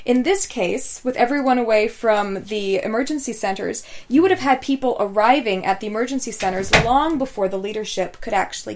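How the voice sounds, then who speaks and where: Woman, clear explainer, slightly high voice, conversational, summarizing. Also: a little mellow. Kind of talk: casual explanatory chat.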